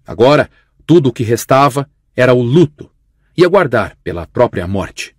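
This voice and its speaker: A man reading an audiobook aloud with expressive, storytelling intonation. His husky voice swings widely in pitch. The recording sounds dry and close, with no room sound. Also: normal speed, dry recording. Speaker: audiobook narrator. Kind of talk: scripted audiobook narration.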